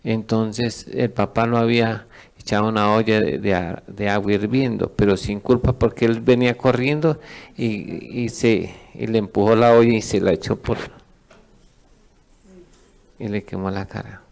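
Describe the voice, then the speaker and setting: A man's voice: on the low side, steady tone, moderate pace, creaky, a little mellow. A man, a pastor teaching a sermon who asks his congregation questions and lets them answer.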